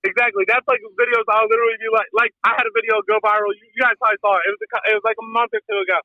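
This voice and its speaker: Brief: man, podcast guest, rapid rambling crude humor, bright tense tone, dry close sound. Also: high-pitched, flat delivery, no room sound, narrow, tinny audio. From Pennsylvania. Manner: rambling, profane, joking storyteller. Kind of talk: casual chat.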